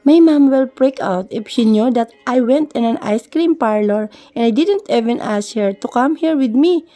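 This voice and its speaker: A woman's voice: on the high side, animated, measured pace, mellow. A woman voicing a cheeky little rich boy in a story reading, with a lightly raised, playful tone.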